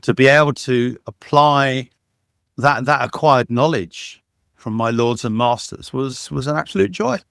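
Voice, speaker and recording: This man, a sound engineer and dubbing supervisor, is an enthusiastic guest in a relaxed interview, wandering through anecdotes with frequent restarts and filler words. His middling-pitched voice is unhurried, slightly bright, with vocal fry, and it comes across close and dry with no echo or room sound.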